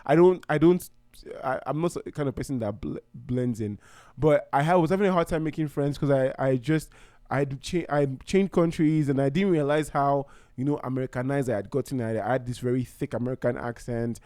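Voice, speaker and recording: A man's voice: medium pitch, brisk, mellow, no room sound, clean studio sound. A young man from Nigeria hosting his own podcast in a casual, heartfelt way, rambling and often restarting his sentences. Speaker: podcast host. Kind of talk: casual solo podcast talk.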